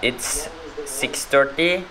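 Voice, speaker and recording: A young man, a Norwegian native speaker, vlogging casually into a handheld action camera with a relaxed, filler-heavy way of talking. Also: medium pitch. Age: young adult. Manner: relaxed, slow, many fillers. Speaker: motocross rider vlogger. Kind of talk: casual vlog narration. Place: home, car and gym.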